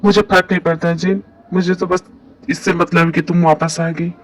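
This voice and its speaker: A man voicing a gentle, caring young man. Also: high voice, flat delivery, moderate pace, close to an everyday voice, poor audio. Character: caring young man beside his recovered love. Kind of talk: amateur Hindi fan dub.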